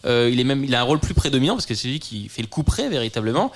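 Man, host, casual film-history chat, thoughtful, hesitant pauses, mid-pitched voice. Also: big pitch swings.

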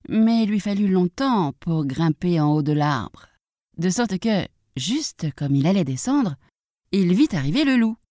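Slow, expressive woman reading a story. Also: fairly low pitch, no echo, clean studio sound.

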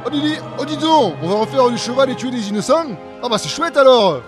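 A gleefully dim villain's henchman from a fantasy parody. He talks fast with bouncy pitch and childish keenness, music behind. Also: expressive. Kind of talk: parody fantasy cartoon acting.

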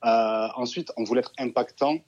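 A man's voice: medium pitch, steady tone, normal speed, a little mellow, faint music behind. A man in his thirties with a southern French accent, a wine merchant talking as a guest in a radio interview, chatty and hesitant. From southern France. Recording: dull lo-fi sound.

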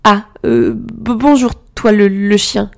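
A woman's voice: medium pitch, steady tone, takes it slowly, vocal fry, a little mellow. A woman voicing a tired, frightened young soldier who stammers nervously in a storybook reading.

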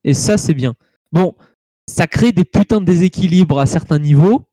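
A man in a casual gaming chat, relaxed and colloquial, swearing now and then. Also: on the high side, normal speed, no room sound.

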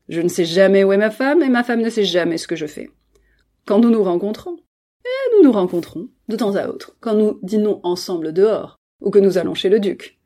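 A woman's voice: medium pitch, warm tone, lightly acted. A woman reading as a witty cynical young aristocrat.

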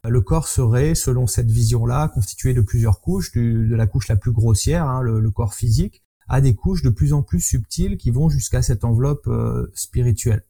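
A man's voice: medium pitch, moderate pace, few pauses, warm tone, husky. A man interviewing a guest, framing a question with hesitant restarts. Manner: hesitant, searching for words.

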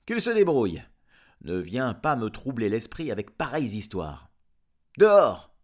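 A gruff, grumpy old farmer blusters and scolds in a raised voice, as a man reading the story puts him on. His words come out loud and irritable, and he is quick to bark at whoever bothers him. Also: medium pitch, huge pitch swings, pitched above the performer's own voice. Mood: grumbling. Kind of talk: audiobook character voice.

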